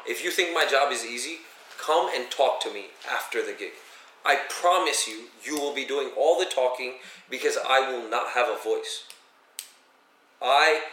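A man's voice: medium pitch, a bit bright, recorded from a distance. Emphatic young man, echoey room. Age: young adult. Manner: emphatic, storytelling with repeated "like". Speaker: podcast co-host, event DJ/MC. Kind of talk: casual group chat.

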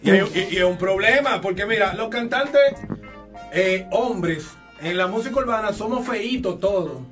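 A man co-hosts the show with playful asides and exclamations. His voice is high for a man and picked up a little away from the mic. Faint music sits behind him. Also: moderate pace, a bit bright, far from the mic. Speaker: radio co-host. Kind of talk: lively radio banter. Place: radio studio.

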